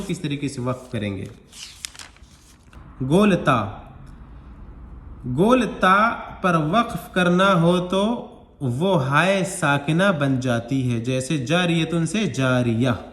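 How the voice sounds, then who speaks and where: Slow, patient man teaching recitation. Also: on the high side, a bit bright, roomy sound. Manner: explains rules patiently, drawing out words when reciting. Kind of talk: slow step-by-step recitation lesson.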